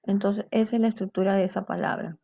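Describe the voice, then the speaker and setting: A woman's voice: medium pitch, steady tone, fast, vocal fry, warm tone, a little hiss or hum. A woman teaching a grammar lesson to students, explaining step by step and often checking in with them. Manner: explanatory, checks in with "¿cierto?" and "¿bien?". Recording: dull lo-fi sound.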